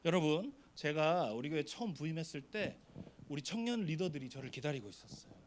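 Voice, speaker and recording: A man's voice: on the high side, expressive, a little fast, slight background noise. A middle-aged man, a pastor, telling a story in a sermon to a youth retreat and acting out the voices.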